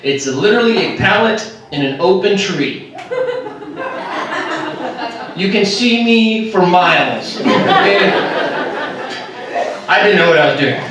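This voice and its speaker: A man preaching a sermon through a funny story, self-mocking and animated. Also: high voice, slow pace, pauses often, crowd noise. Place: church sanctuary. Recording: echoey hall from far off.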